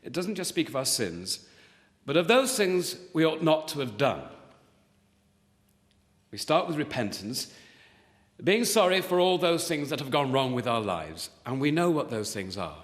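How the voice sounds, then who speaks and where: A lively-pitched, earnest village vicar in a naturalistic TV drama. He is gentle, measured and polite. The voice rings in an echoey hall. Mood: earnest, solemn. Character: earnest, mild-mannered male village vicar, devoted husband.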